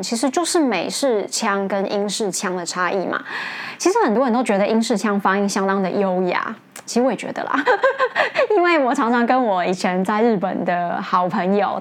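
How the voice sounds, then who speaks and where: A woman teacher, hosting an English lesson in a chatty, casual way, often laughing and jumping up in pitch to stress points.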